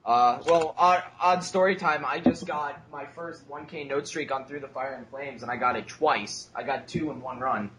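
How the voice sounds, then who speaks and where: A man's voice: medium pitch, normal speed, hardly any pauses, a crowd in the background. A sixteen-year-old boy telling rambling, boastful stories in a casual podcast chat. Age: teens. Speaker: podcast co-host.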